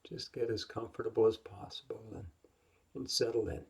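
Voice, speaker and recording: Gentle and unhurried, with long pauses, a male teacher guides a yoga nidra meditation. His voice is husky, breathy and gravelly, fairly low in pitch and steady in tone.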